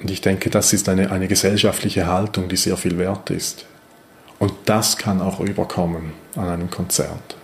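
Deep gravelly man, flat delivery. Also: moderate pace, a little hiss or hum. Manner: thoughtful, restarting phrases. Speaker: interviewee. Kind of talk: interview answer.

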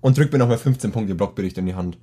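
A teenage boy chatting casually as a podcast co-host, telling a school story in slangy, animated fashion. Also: on the low side, fast talker, breathy edge. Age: teens. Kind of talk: casual chat.

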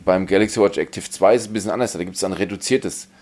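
A man with a very low voice co-hosting a tech podcast. He explains gadgets in a plain, matter-of-fact way. He keeps a casual, conversational tone. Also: steady tone, quick pace, darkish tone. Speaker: podcast co-host.

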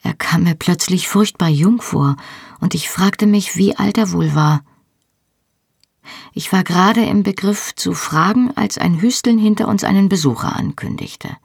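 A woman reads first-person narration from a novel in a measured, even way. Her voice is gravelly and husky. The recording is close and dry. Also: fairly low pitch, no echo. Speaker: audiobook narrator.

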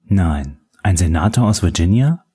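A man's voice: low voice, expressive, moderate pace, mellow, breathy edge. A man voicing a shaken young male doctor who speaks in short, tense phrases. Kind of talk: audiobook reading.

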